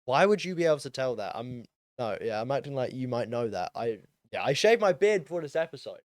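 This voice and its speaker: A man's voice: mid-range voice, big pitch swings, fairly quick, no echo, clean studio sound. A young man in his late teens hosting a solo podcast, rambling in a casual, self-deprecating way with lots of ums and likes. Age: young adult, turning twenty. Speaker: podcast host.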